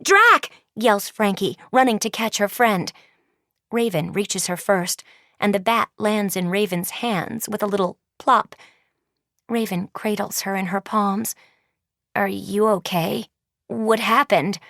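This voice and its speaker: A woman narrating an audiobook in a slow, even storytelling manner. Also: mid-range voice, no echo, clean studio sound. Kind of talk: scripted narration.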